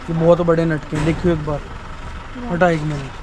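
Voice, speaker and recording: A man's voice: fairly high pitch, little pitch movement, moderate pace. A man giving impatient, bossy instructions while fixing a car outdoors at night. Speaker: family member fixing a car. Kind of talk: casual talk while working. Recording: loud outdoor street noise.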